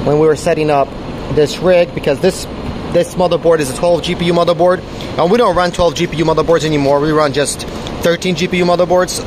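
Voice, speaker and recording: A man filming one-handed on a phone as he walks through a server room, explaining hardware problems while he checks the machines. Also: on the high side. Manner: talks while filming and handling hardware, thinking aloud. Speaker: mining farm operator. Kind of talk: casual hands-on walkthrough. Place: large indoor server room with fans. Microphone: handheld phone camera, filmed one-handed. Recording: loud fan and air conditioning hum.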